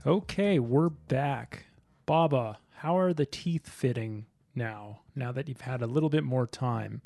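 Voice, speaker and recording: A man's voice: medium pitch, unhurried, creaky, a little mellow, dry recording, faint music behind. A man hosting a podcast, asking questions and teasing his guest in casual chat. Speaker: podcast host.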